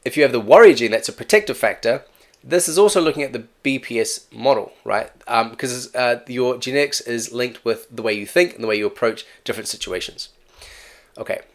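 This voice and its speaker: A man's voice: medium pitch, brisk. A man with an accent giving a casual, chatty exam-prep lesson, often correcting himself and asking "right?". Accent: non-native or regional English accent. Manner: chatty, self-correcting, with frequent "right?" asides. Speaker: teacher.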